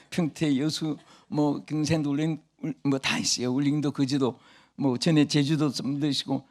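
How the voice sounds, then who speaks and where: An older male pastor delivers a revival sermon in a fairly high voice. He swings from booming, emphatic declarations to light, chatty asides aimed at his congregation.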